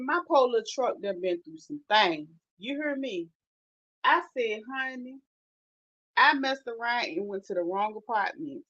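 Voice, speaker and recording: Lady gossiping a story, fired up n cussing, kinda muffled audio. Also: mid-range voice. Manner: animated, emphatic, swears freely. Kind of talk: casual storytelling chat. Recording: dull lo-fi sound.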